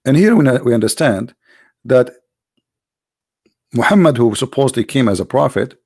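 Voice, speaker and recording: A religious apologist lectures on scripture in a gravelly, tired, strained voice that is mid-range and a little mellow, recorded with studio quality and no room sound. He speaks emphatically, posing rhetorical questions and restarting mid-sentence haltingly.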